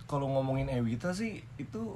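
A man's voice: mid-range voice, animated, fairly quick, mellow, slight background noise. A young man with a Jakarta Indonesian accent chatting casually as a podcast co-host, slangy and joking. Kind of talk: casual chat.

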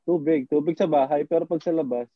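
A man's voice: a little high, a little fast, no room sound. A man in his twenties from the Philippines, calling in as a guest and giving short, plain answers. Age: 20s. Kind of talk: casual chat. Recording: tinny, dry phone-line call.

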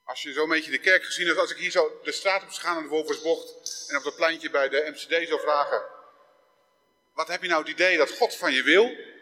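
A man delivers a sermon in a conversational way, raising his voice dramatically when he reads scripture aloud. His voice sits high and sounds bright and forceful. The sermon rings out with a long reverb in a church hall. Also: brisk. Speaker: preacher.

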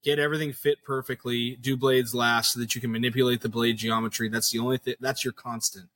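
A man's voice: medium pitch, flat delivery, fast talker, fairly bright tone. A man in casual shop talk, explaining technical machining steps one by one like an experienced machinist advising a colleague. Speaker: machinist advising a fellow knifemaker.

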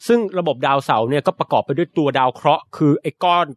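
A man's voice: fairly high pitch, fast talker, dry recording, clean studio sound. A young Thai man co-hosting a podcast, casually explaining science news in a chatty, explanatory way. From Thailand. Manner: explanatory, chatty, adds polite particles.

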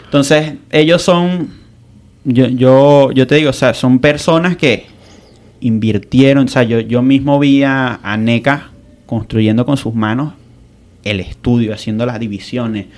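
A man's voice: medium pitch, measured pace, a little mellow. A man, a musician guest on a podcast, rambling in casual chat with many restarts.

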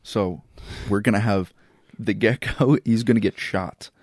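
A man co-hosting a podcast in casual comedic chat, joking and laughing as he pitches absurd ideas. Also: fairly even intonation, unhurried, a little mellow, husky, dry recording, studio quality. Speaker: podcast co-host.

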